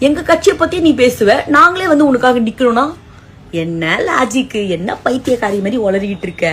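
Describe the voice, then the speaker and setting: Woman, high voice, faint hiss behind, scornful scolding tone. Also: a little fast. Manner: scolding, contemptuous, talks down to her target. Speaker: social media commentator. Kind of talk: scolding rant video.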